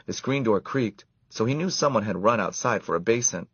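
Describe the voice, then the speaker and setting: A man reading a children's story aloud in an expressive, animated way. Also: fairly low pitch, a little fast, breathy edge, no echo. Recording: dull lo-fi dry recording.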